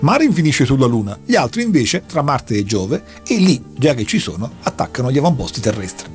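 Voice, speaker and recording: A man's voice: mid-range voice, big pitch swings, brisk, soft background music. A man recounting a long story in a casual chat, telling it with dramatic flair. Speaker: podcast host recounting an anime plot.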